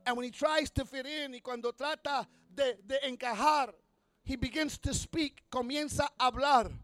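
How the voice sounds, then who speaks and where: A man preaching a sermon line by line with interpretation, impassioned and building to shouts. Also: very high voice, fairly even intonation, unhurried, no echo.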